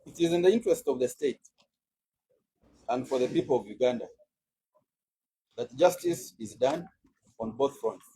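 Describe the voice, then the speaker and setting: A man's voice: mid-range voice, animated, warm tone, slightly rough, low-quality recording. Man making a formal courtroom submission. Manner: measured, deliberate legal oratory. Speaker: state counsel in court.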